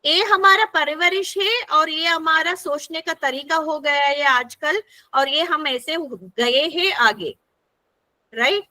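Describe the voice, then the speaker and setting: A woman's voice: sits high, slow pace, bright, forceful tone. A woman facilitating an interactive workshop for a group, talking conversationally and often checking in with her listeners.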